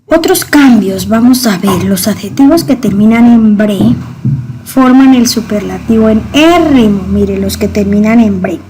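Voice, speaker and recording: A woman's voice: mid-range voice, animated, a little slow, warm tone, a little hiss or hum. A woman teaching a grammar lesson, speaking to her students directly and patiently repeating the key words.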